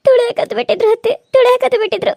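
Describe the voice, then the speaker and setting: A woman's voice: very high-pitched, rapid-fire, gravelly, a little mellow. A woman voicing a meek young daughter-in-law in a cartoon serial, pleading and tearful. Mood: complaining.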